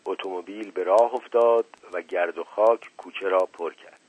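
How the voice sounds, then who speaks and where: Man reading a novel aloud on the radio, steady and expressive, dry and kinda muffled. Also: low-pitched, slightly rough, no room sound. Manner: measured, expressive storytelling. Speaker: radio book reader. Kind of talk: literary audiobook reading. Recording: dull lo-fi radio recording.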